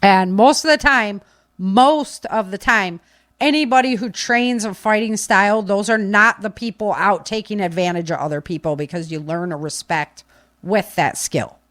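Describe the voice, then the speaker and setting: This woman speaks with a medium, slightly bright voice at a moderate pace, in clean studio sound without echo. Talking about preparedness and self-defense on a podcast, she's casual but insistent, voicing strong opinions and repeating key phrases for emphasis.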